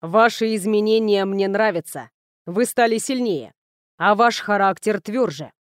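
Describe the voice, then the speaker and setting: A woman reading an audiobook, voicing a composed young male noble master in a level, steady tone. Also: medium pitch, measured pace, dry recording, clean studio sound, close to an everyday voice. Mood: earnest. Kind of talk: audiobook character voice.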